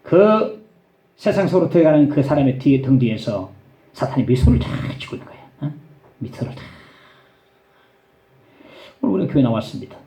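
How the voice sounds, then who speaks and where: A male pastor with a Gyeongsang accent, preaching a sermon in church and telling stories with animated emphasis. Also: medium pitch, racing, roomy sound. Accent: Gyeongsang Korean.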